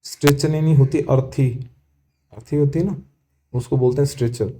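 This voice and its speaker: With a warm, medium-pitched voice and fairly even intonation, a man teaches an English story one line at a time. He reads the text slowly and with care, poses questions he then answers, and keeps repeating the important words.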